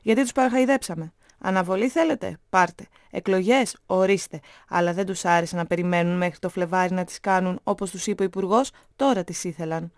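A woman reading a story, voicing a sly, pompous older male relative who talks loudly and mockingly. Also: fairly low pitch, dry recording, clean studio sound, lightly acted. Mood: scornful. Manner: mocking, loud, self-important.

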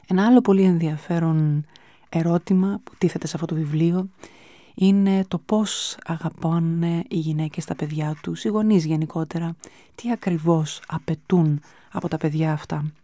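A woman hosting a radio show, giving a calm, measured, scripted book review. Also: deep voice, no echo, clean studio sound. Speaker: radio host presenting books.

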